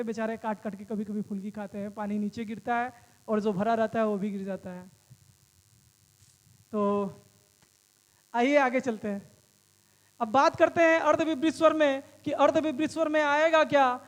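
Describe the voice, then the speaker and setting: A man's voice: very high-pitched, long reverb tail. A male teacher giving an exam-prep lesson, asking the class questions and answering them himself, and calling the students friends.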